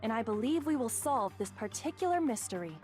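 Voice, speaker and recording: A woman playing a composed teenage girl detective in an anime game, calm, confident and cryptic. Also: fairly high pitch, brisk, soft background music. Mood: calm confidence. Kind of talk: dubbed anime game acting.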